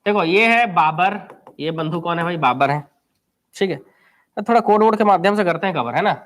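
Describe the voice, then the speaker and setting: Male coaching teacher, high voice, chatty lecturing that quizzes the class. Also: moderate pace, a bit bright. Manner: chatty, quizzes students and answers himself. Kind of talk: live online class lecture.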